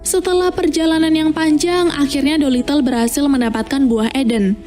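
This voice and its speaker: A woman narrates a story from a script. Her tone is soft and mellow, and music plays behind her. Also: high voice, fairly even intonation, moderate pace. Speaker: narrator of film plot recaps.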